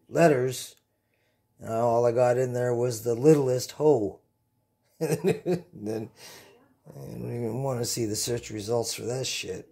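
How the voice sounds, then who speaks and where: The voice is mid-range, creaky and dark, belonging to a man in his fifties who hosts a home cooking vlog. Tipsy and giggling, he rambles to camera in a goofy, sweary way and repeats himself. It's captured on a phone in a kitchen, first held in hand, then propped up nearby.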